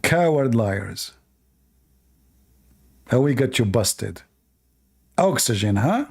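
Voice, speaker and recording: A man's voice: medium pitch, animated, slow pace, creaky, breathy edge. A man hosting a live debate show, mocking and combative toward callers, speaking English with non-native grammar. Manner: mocking, combative, laughs at opponents.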